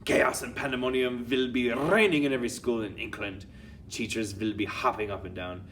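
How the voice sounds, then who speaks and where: A man's voice: medium pitch, normal speed, fairly bright tone, lightly acted. A man voicing a villainous old witch leader from a storybook, gloating and scheming in a chanting way with broken grammar. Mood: gleeful, commanding. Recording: distant mic, faint background noise.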